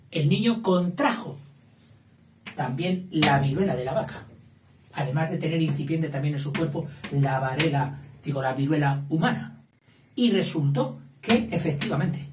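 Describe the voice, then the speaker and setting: Roomy, distant male teacher explaining. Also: a little high. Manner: digressive, self-correcting, checks in with a tag question. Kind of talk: recorded school lesson. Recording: roomy, distant mic, faint background noise.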